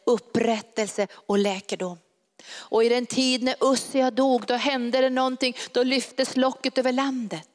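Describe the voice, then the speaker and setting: A woman preaching a fervent, emphatic sermon in a church hall. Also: a little high. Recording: long reverb of a large hall.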